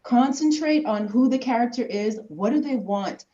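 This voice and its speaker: A woman's voice: fairly high pitch, animated, moderate pace, warm tone. A woman speaks over dull, muffled video call audio, giving actors emphatic advice. She talks earnestly and leans on fillers as she presses her points. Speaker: panelist advising actors. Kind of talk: online panel discussion.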